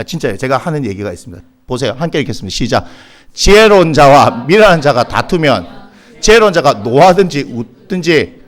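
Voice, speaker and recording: Middle-aged man, Gyeongsang accent, lively high-pitched preacher who ribs his flock. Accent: Gyeongsang Korean. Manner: animated, teasing the congregation by name, bursts of exasperation. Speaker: pastor. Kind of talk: sermon.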